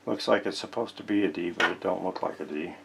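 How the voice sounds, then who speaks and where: Deep, creaky, and quick, a man narrates in a casual, folksy, unscripted way while working with his hands, thinking aloud as he goes. He hosts a vintage radio repair channel, speaking from an indoor workshop in a very noisy recording.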